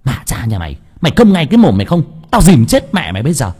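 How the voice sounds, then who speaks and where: A man's voice: high voice, sing-song, moderate pace, warm tone, husky, pitched above the performer's own voice, exaggerated voice. A man voicing a cruel old woman who once ran gangs, screeching and scolding. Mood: furious. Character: cruel old female ex-gangster, shrill and bossy.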